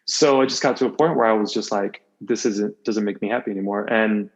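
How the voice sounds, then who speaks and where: Speaking a little fast in a fairly low voice, this man, once an athlete and later a coach, tells personal stories frankly as an interview guest on a podcast. He repeats phrases to stress points and voices quotes. The audio quality is poor.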